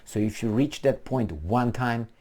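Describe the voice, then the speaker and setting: Speaking at a medium pitch and a measured pace, a man originally from Romania gives animated, casual political commentary that's blunt and defiant, peppered with restarts and filler words.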